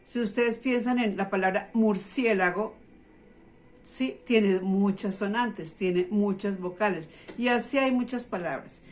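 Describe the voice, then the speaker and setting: A middle-aged woman teacher patiently explaining a reading method to parents, often pausing to check they follow. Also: medium pitch.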